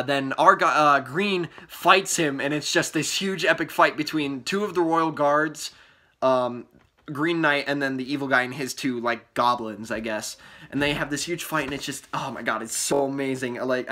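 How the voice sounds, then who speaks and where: A young vlogger with a medium-pitched voice excitedly recaps a trip in a casual video. He rambles with lots of fillers and restarts, and his voice sounds a little worn from yelling.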